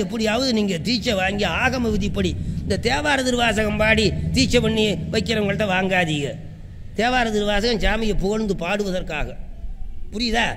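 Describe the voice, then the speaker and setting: High pitched gravelly preacher guy, keeps repeating stuff and asking if u got it, big echoey hall. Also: noisy background. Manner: keeps asking the audience if they understand; repeats phrases for emphasis. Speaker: devotional speaker and astrologer. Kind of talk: devotional sermon with chanted verse. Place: hall with a live audience. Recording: echoey hall with long reverb.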